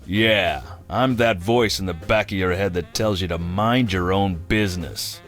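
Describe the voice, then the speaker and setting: A surly cartoon game bodyguard with a low voice. He is curt and sarcastic, a mob tough who makes every reply a brush-off or a threat. Music plays behind him. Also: unhurried, a bit bright. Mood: surly menace. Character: surly, sarcastic male tough-guy bodyguard and former mobster. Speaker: presidential bodyguard character. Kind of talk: comic cartoon game acting.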